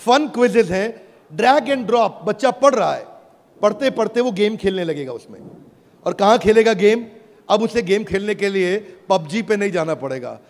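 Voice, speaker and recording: A man giving an energetic motivational business speech to a live audience, rallying the crowd. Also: high voice, normal speed. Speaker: business speaker pitching an app. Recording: echoey hall with crowd noise.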